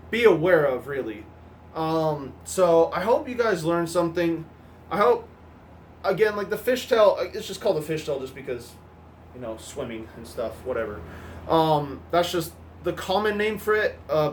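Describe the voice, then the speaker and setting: Young guy w a stuffy nasal voice, rambly coaching vlog, bit of hiss behind. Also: fairly high pitch. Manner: loose, rambling, many fillers and restarts. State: recovering from a cold. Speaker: hammer throw coach on his channel. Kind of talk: casual instructional vlog. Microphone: new microphone.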